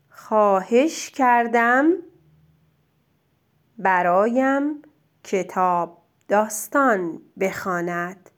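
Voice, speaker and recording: A woman teaching a child spelling, dictating words slowly and clearly and praising their answers. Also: medium pitch. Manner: slow, drawn-out dictation of single words; gentle, encouraging teacher talk.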